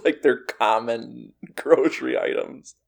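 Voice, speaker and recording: A man's voice: mid-range voice, slow pace, gravelly. A man co-hosting a podcast in casual chat, joking at his own expense. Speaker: podcast co-host.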